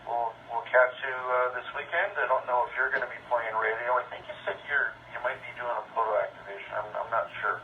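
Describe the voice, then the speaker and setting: A man checking in on an amateur radio net, talking casually in a halting way with many fillers. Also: medium pitch, fairly even intonation, a little hiss or hum. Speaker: net participant. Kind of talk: casual ham radio chat. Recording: muffled distant radio signal.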